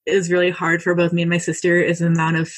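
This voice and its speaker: Her voice is fairly low, soft and breathy with a touch of husk, and she talks quickly. This young American woman is relaxed and open in a casual interview, filling her speech with likes and ums.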